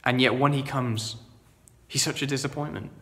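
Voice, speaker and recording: A man preaching a sermon, earnest and conversational, moving between loud proclaiming and quiet reflection. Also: medium pitch, fairly even intonation, moderate pace, in a large hall. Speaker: vicar. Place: church.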